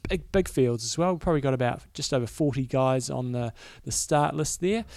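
A man with a New Zealand accent co-hosts a sports podcast. His voice has plenty of vocal fry, and he talks through the news plainly and casually. The recording is very dry. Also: mid-range voice, fairly quick, darkish tone, no echo. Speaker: podcast co-host.

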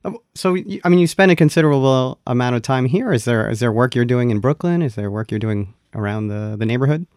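Dude co-hosting an interview, lively up-and-down voice, curious, dry sound. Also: male voice, medium pitch, fast, hardly any pauses, no echo. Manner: curious, asks follow-up questions. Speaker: co-host interviewer. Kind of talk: casual interview chat.

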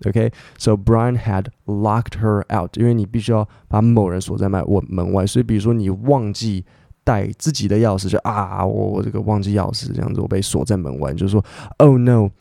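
Low gravelly man teaching English. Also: fairly even intonation, mellow, dry recording, studio quality. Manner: reads English sentences slowly, spells words letter by letter; casual, chatty with many fillers and asides. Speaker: English teacher podcast host. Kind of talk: bilingual English lesson, reading news and explaining words.

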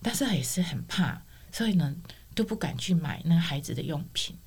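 A woman's voice: low voice, moderate pace, husky. A middle-aged woman, telling her personal testimony as a guest and acting out the dialogue she quotes. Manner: expressive storyteller, acts out quoted dialogue.

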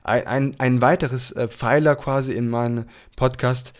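This young man hosts the show and comes from Apulia, in Italy's south. His mid-range voice stays steady and unhurried as he chats casually, wandering through lengthy replies full of filler words.

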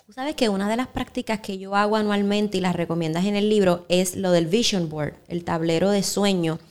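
A woman's voice: medium pitch, brisk, darkish tone. A woman hosting a casual interview, talking in a conversational way and often checking for agreement with tag questions. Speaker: interview host.

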